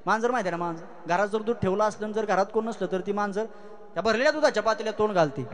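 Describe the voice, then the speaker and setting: A man preaching a devotional sermon as a storyteller, dramatic, swinging between soaring loud lines and soft asides and questioning his audience directly. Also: high-pitched, racing. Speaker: kirtan preacher. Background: music.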